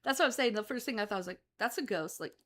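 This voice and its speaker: A woman's voice: medium pitch, expressive, fast, fairly bright tone, slight background noise. A woman co-hosting a casual chat, telling stories and laughing often. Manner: laughs often, chatty storytelling. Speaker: co-host, author.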